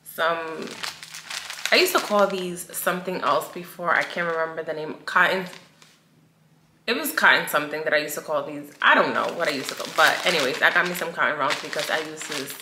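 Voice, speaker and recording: In a casual haul video, a beauty vlogger with a deep voice chats playfully with her viewers, calling them y'all. The echoey room has a noisy background.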